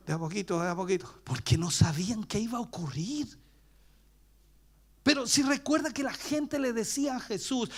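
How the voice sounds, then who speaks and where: A male pastor with a Chilean accent preaching a dramatic sermon in a church, jumping between loud cries and hushed whispers and acting out the voices of the people in his story. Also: very high voice. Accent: Chilean Spanish. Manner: acts out bystanders' voices while retelling.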